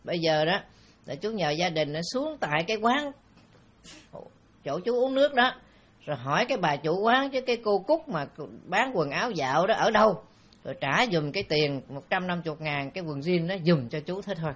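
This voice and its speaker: Southern Vietnamese monk telling a story. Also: male voice, sits high, fairly quick. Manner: relaxed anecdotal telling with filler sounds. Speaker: Buddhist monk. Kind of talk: dharma talk storytelling.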